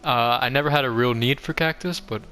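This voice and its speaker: Here the young gaming host sounds pushed and bright, his medium-pitched voice moving a little fast. He rambles casually through a game tour, running himself down as he goes, while music plays underneath.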